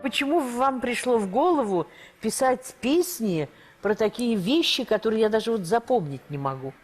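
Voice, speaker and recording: A woman's voice: on the high side, lively intonation, moderate pace. A woman interviewing a guest as host of a talk show. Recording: music and crowd behind voice. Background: music and studio audience.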